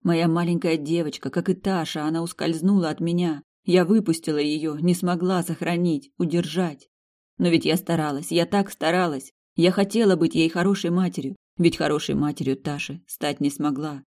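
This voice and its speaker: Audiobook reader, plain steady first-person narration, mid pitch. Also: normal speed.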